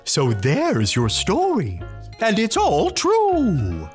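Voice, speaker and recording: A woman voicing Ollie, a gentle owl who sums up a Bible story for preschoolers in a soft, slow way. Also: medium pitch, wildly swooping pitch, faint music behind, exaggerated voice.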